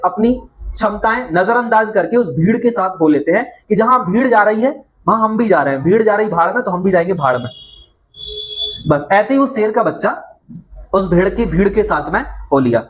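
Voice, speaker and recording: A man's voice: high-pitched, rough recording. A man telling a motivational story, in an earnest, emphatic way with much repetition, checking in with his listeners. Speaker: motivational speaker.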